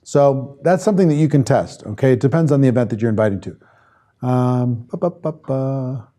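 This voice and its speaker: A little fast and full of lively intonation, this man's mid-range, dark-toned voice carries a casual live online sales lesson. As a trainer, he reads viewers' comments and responds while thinking aloud.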